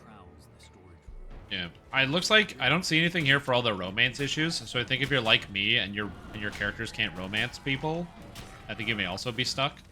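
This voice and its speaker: A man talks into a headset mic on a live stream, his voice very bright and sharp-edged. He chats loosely with his viewers while he plays, and game music sits faintly underneath. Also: medium pitch, expressive, fairly quick. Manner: chatty, thanking viewers by name of the stream. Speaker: livestreamer. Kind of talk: casual gameplay commentary.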